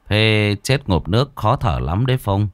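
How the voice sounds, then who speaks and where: Guy doing a calm firm shaman, deep voice, lots of lilt, dry. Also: no room sound. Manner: unhurried, firm, coaxing. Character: calm young male shaman, commanding but kind. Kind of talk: storytelling.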